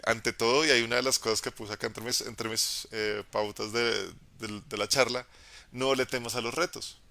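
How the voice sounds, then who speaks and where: A young man, a game master giving an encouraging, casual live talk about narrating, in a low tenor voice with frequent restarts. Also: sharp tone. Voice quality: lowish tenor voice. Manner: encouraging, conversational, many restarts. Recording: dry live stream audio.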